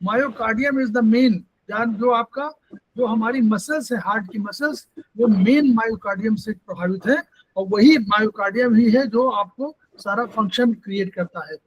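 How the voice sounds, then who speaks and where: A man's voice: sits high, takes it slowly, lo-fi sound. A man teaching acupressure over a video call, firmly correcting and directing students to points. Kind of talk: instructive explanation.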